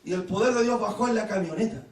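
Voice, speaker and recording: Chilean pastor, quick high voice, storytelling sermon w/ shouts, echoey church from far off. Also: male voice. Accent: Chilean Spanish. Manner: storytelling with laughs and sudden shouted praises. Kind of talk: Pentecostal sermon. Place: church hall. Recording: echoey church hall, mic from afar.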